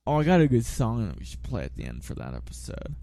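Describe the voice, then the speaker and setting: A man's voice: on the low side, fast, gravelly. A congested man with a rattly, chesty, phlegmy voice, chatting casually and playfully as a podcast co-host. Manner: animated, jokey, playful. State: congested, coughing with a cold.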